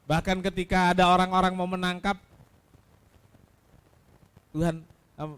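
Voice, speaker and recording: A man with an Indonesian accent preaching a sermon as pastor, asking rhetorical questions and swinging between loud cries and soft low asides. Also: flat delivery, unhurried, smooth. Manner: addresses listeners as saudaraku.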